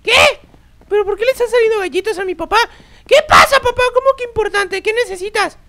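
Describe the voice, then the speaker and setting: A performer voicing Bebe Timo, an excitable, dramatic baby boy with squeaky, shrieking outbursts, in a Minecraft role-play. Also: brisk, heavily acted. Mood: excited. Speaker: host.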